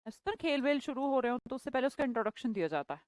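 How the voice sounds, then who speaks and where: A woman's voice: high-pitched, expressive, fast, a little mellow, no echo. A woman teaching English vocabulary in a live online class, chatty and playful, teasing her students by name.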